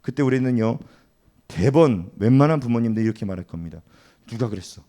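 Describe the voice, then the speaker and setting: A male pastor preaching a sermon, acting out quoted voices in an animated delivery. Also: mid-range voice, brisk. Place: church.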